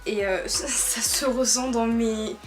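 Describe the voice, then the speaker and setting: A woman's voice: on the high side, steady tone, takes it slowly, soft background music. A young woman from France chatting casually on her bed in her bedroom, laughing often, with many fillers and restarts, filmed by a camera on a tripod. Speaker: YouTuber. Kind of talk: casual vlog chat.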